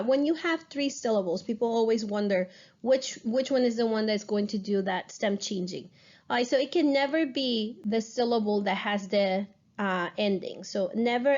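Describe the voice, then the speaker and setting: Woman teaching in a patient, explaining voice. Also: fairly high pitch. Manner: patient, explanatory, stresses key rules. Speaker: Spanish teacher. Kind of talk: recorded grammar lesson. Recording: dull lo-fi recording.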